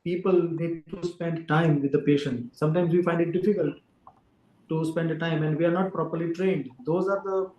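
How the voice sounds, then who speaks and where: A man speaks as a doctor, explaining things patiently and filling pauses with "uh". His voice sits slightly high. The room around him rings with a noticeable echo. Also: fairly even intonation, a little mellow, dull audio. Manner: careful explainer with frequent fillers. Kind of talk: explaining to an interviewer. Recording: roomy echo.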